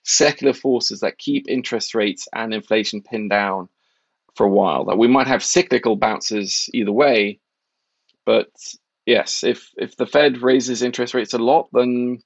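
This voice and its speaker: A man's voice: medium pitch, vocal fry, husky, no room sound, dull audio. Articulate man from Norway, dry sound. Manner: articulate, wry, measured. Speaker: markets journalist guest. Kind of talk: conversational interview.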